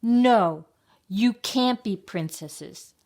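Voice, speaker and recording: A woman voicing a cranky little girl from a storybook in loud, whiny, shouted outbursts. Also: mid-range voice, animated, very slow, pitched above the performer's own voice.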